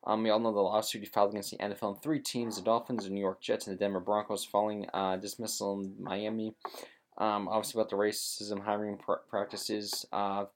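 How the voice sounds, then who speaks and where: A man with a fairly low voice talks football in a relaxed, casual chat. He reads out news in a halting way, full of fillers and false starts, then gives his own take. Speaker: sports talk co-host.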